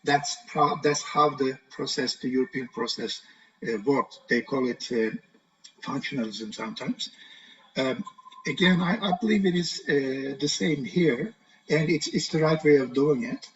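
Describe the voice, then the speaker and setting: A man's voice: medium pitch, a little slow, distant mic. A male professor on a panel, speaking over a group video call that sounds muffled and breaks up, hesitant with frequent filler sounds. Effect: group video call audio, muffled and breaking up. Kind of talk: panel discussion. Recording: muffled lo-fi call audio from off-mic.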